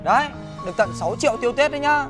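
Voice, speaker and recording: A man's voice: very high voice, animated, rapid-fire, over music. A man playing a blustering young shop owner. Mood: gruff. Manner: bossy, blustering, stammering threats. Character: bossy young male shop owner, hot-tempered. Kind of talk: comedy sketch acting.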